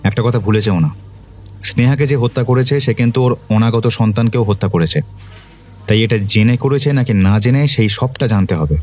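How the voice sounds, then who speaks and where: A man plays an authoritative police detective who questions people in a firm, measured way. His voice sits at an ordinary middle pitch. Soft background music plays under the scene in this audio drama. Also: close to an everyday voice. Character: commanding male police detective.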